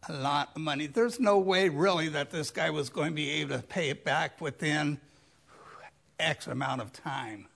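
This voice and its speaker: A man preaching a sermon as a pastor, slow and emphatic, with dramatic rises in his voice. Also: a little high, vocal fry, a bit bright.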